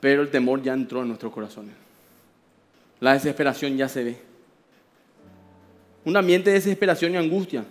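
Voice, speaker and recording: A man with a Paraguayan Spanish accent, a pastor preaching a sermon with animated storytelling and acted-out voices. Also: medium pitch, moderate pace, long pauses, big-room sound.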